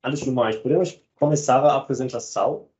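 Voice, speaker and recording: A German man with a German accent gives an academic presentation as a guest researcher, hesitating a lot with many "ehm" fillers. His mid-range voice is brisk and darkish, and the sound is lo-fi.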